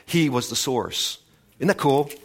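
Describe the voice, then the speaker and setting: Male preacher, excited storytelling sermon delivery with lots of restarts. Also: mid-range voice, a little slow. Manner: animated storytelling with many restarts.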